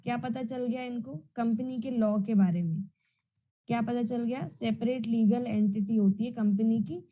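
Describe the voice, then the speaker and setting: Loud, high-voiced woman teacher drilling students. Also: fairly even intonation, normal speed, narrow, tinny audio. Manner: repetitive question-and-answer drilling; loud and emphatic. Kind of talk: online class lecture.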